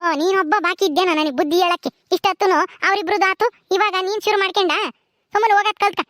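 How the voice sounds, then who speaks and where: Woman playing a sharp-tongued village mother-in-law. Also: high voice, fast talker, no echo, clean studio sound. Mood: indignant. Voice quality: sharp, scolding, bossy. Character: scolding, bitter middle-aged village mother-in-law. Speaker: village drama actress. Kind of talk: village family drama acting.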